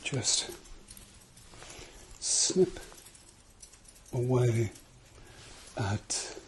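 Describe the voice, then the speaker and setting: A British man doing an ASMR whispered role-play, soft-spoken and slipping into whispers, giving insistent, repeated instructions and reassurance. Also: mid-range voice, drawn-out words, a little hiss or hum.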